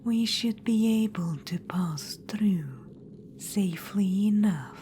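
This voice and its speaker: In a whispered ASMR roleplay, a woman plays a scheming, vain undead witch-queen of great age, patronizing the listener and calling them darling. Her mid-range voice is expressive and slow, with a sly, coaxing mood and slight background noise.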